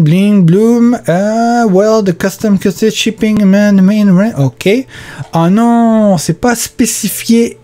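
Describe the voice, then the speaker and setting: A young man with a Quebec French accent hosts a casual board game news segment. His voice is dark and mellow. He rambles in a chatty way, slipping English terms into his French and joking about himself. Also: sits high. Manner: chatty, mixes English terms, self-mocking asides. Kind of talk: casual screen-share commentary.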